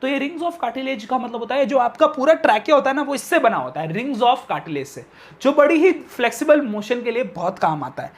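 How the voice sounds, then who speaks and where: A male science teacher gives a classroom biology lecture. He mixes in English technical terms, asks questions and answers them himself, and repeats key terms slowly for emphasis. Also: extremely high pitch, sing-song.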